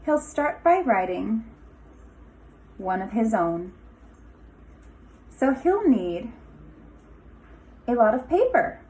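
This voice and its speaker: A female kindergarten teacher reads a picture book aloud to small children, expressive and instructive, stopping now and then for asides. Her voice is a little high, and the recording is rough.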